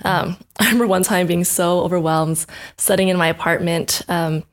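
A woman's voice: on the low side, steady tone, moderate pace. A young woman in her twenties chatting casually about faith, telling a personal story with laughs and acted-out quotes. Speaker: guest sharing testimony.

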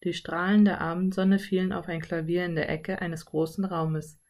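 A woman narrating a children's audiobook in a calm, clear storytelling voice. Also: on the low side, moderate pace.

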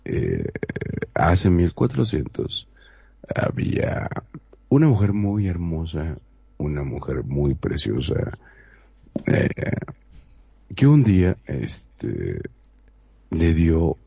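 A man with a very low, gravelly and husky voice tells a tale slowly and dramatically, his pitch ranging widely. His voice is dark. The recording is dull and dry. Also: big pitch swings, no echo. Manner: slow, dramatic storyteller voice. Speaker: co-host. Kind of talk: casual radio chat, storytelling.

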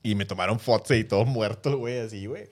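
A man's voice: fairly low pitch, fast. A man on a podcast, chatting casually and saying "güey" constantly. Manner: slangy, says güey constantly, joking interjections. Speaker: podcast co-host. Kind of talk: casual chat.

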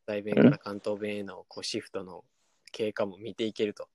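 A young man with a Kansai accent co-hosting a casual podcast, soft-spoken with a dry, deadpan manner. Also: fairly low pitch, normal speed. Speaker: podcast co-host. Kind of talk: casual chat.

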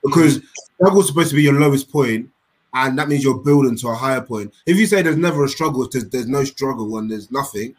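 A man's voice: mid-range voice, fairly quick, a little hiss or hum. A man, a podcast panellist in casual chat.

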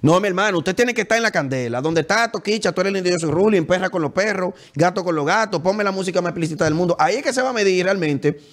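A young Dominican-accented man holds forth in a casual interview, animated and boastful, often cutting in. His voice sits a little high for a man. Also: quick pace, few pauses. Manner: animated, boastful, talks over the host. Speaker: interview guest, musician.

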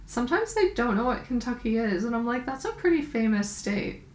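A young woman co-hosting a podcast, with a slightly high voice. She chats casually and fills her talk with "like", and her voice rings around an echoey room. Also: very animated, fairly quick. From New York. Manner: chatty, talks with filler likes. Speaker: podcast co-host. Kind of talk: casual chat.

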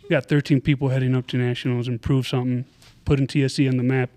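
A man's voice: medium pitch, fast talker. A man hosting a casual college sports podcast, asking loose, rambling questions with many fillers. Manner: relaxed, filler-heavy questions. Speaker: podcast host. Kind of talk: casual interview chat.

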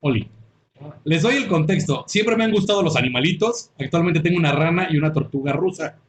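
A man's voice: on the high side, brisk. A man with a Mexican Spanish accent who hosts a podcast, reading a listener's story aloud in casual comedic chat and laughing often. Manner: animated, laughs often, reads aloud with playful voices.

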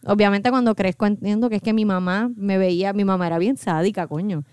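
A woman's voice: mid-range voice, steady tone, a little fast, darkish tone, smooth, no room sound. A woman with a Puerto Rican accent, co-hosting a casual podcast chat, joking and swearing as she tells stories. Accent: Puerto Rican Spanish. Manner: joking, profane, storytelling. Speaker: podcast co-host.

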